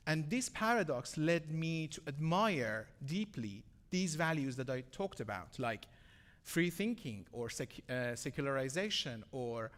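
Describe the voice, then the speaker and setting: A man's voice: fairly high pitch, expressive, fairly bright tone. Earnest Iranian man in a reverberant hall. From Iran. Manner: earnest, measured, with frequent pauses and fillers. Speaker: speaker. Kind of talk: prepared public talk.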